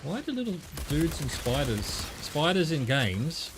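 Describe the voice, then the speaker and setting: A man's voice: on the high side, big pitch swings, unhurried, noisy background. A man gives casual gameplay commentary in a wry, sweary way, talking back to the game. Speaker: gamer commentating on own play.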